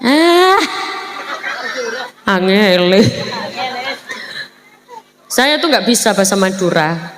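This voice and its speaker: A woman's voice: mid-range voice, big pitch swings, extremely slow, long pauses, a crowd in the background. A woman from Java with a Javanese accent, preaching a humorous sermon and joking with her audience. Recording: echoey hall with faint noise.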